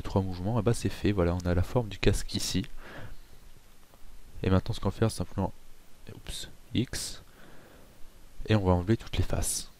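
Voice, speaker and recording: Low-voiced Frenchman explaining software. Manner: chatty, self-mocking asides, frequent fillers. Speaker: tutorial host. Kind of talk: casual screen-recorded software tutorial.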